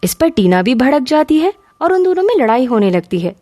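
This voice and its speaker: A woman narrating a moral cartoon story in an even storytelling manner. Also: sits high, a little fast, soft background music.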